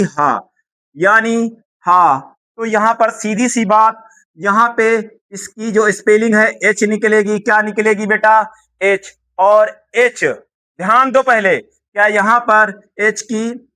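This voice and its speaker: A man with a high, bright and crisp voice teaches grammar. He repeats each point, asks the class a question and answers it himself. He speaks fondly to his students. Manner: affectionate toward students.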